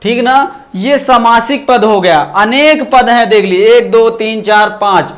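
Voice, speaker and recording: A man with a very high, fairly bright voice teaches a grammar class online at a measured pace. As a Sanskrit teacher, he repeats each point and frequently asks his students "ठीक ना."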